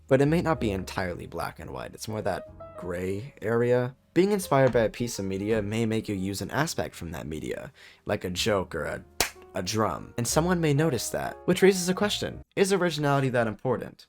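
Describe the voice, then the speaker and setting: Low-voiced male video essayist, sarcastic and jokey, with faint music behind. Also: big pitch swings, a little fast. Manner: sarcastic, jokey, rhetorical questions. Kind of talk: comedic video essay commentary.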